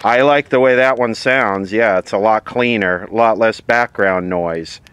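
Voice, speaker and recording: Sitting outside at a table, a vlogger tries out a vintage CB radio and talks casually. He's an American man with a fairly low voice, a measured pace, and a plain, wry way of speaking. Faint background noise is audible.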